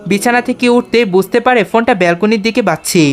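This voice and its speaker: A woman narrating a scripted story in a steady, even reading voice. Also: a little high, a little fast. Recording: faint background music.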